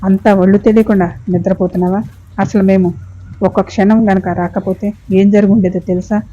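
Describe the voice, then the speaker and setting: A woman's voice: mid-range voice, little pitch movement, moderate pace, dark tone, dull audio, a little hiss or hum, natural voice. A woman voicing a stern, angry middle-aged mother-in-law who scolds harshly. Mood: angry scolding.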